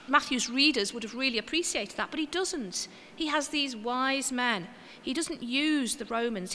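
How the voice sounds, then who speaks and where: Woman, informal sermon, chatty and homely, long church reverb, faint background hiss. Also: a little high. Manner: chatty and homely, with gentle self-mocking asides. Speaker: preacher.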